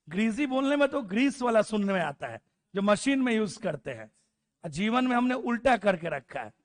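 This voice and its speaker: High-voiced man teaching a slow classroom lesson. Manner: drills word lists aloud, spells letters out, scolds students jokingly. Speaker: grammar teacher. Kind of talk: classroom lecture.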